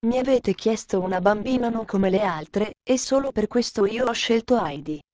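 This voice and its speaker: A woman's voice: medium pitch, darkish tone, dry recording, natural voice. Woman reading as a pushy, placating aunt. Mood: insistent. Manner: hurried, smoothing things over.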